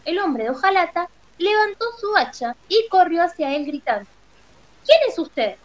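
Argentine woman teacher, high voice, expressive storybook reader. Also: moderate pace, highs cut off. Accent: Argentine Spanish. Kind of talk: reading a children's book aloud.

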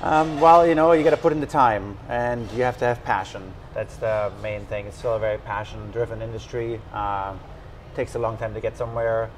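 A man in his thirties with a German accent, an executive chef answering interview questions calmly, with many "uh" and "you know" fillers, in a restaurant booth. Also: on the low side, fairly quick, a little hiss or hum, poor audio. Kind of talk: casual interview.

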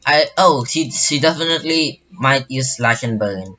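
A man's voice: medium pitch, expressive, moderate pace, bright, forceful tone, dull audio, soft background music. A young man commentating his own online game battle in a casual, rambling way, full of fillers and restarts. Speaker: gaming channel host.

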